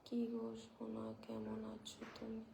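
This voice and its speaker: A woman's voice: a little high, monotone, a little slow, creaky, slight background noise. A woman hosting a casual live stream, greeting viewers one by one and chatting. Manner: greets viewers warmly, at times drops to a whisper.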